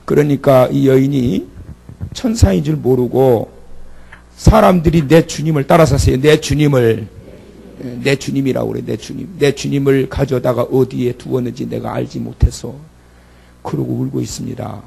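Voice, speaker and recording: Gravelly-voiced man preaching a sermon. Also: mid-range voice, normal speed, warm tone, slight background noise. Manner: dramatic, acts out the speakers in the story. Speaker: pastor.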